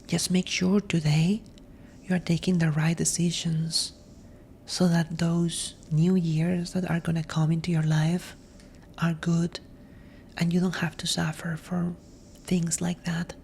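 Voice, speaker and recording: In a gentle ASMR monologue, a female host speaks very slowly and reflectively in a mellow, slightly low voice with little pitch movement. She is breathy and often drifts into a whisper, while a faint low rumble sits behind her.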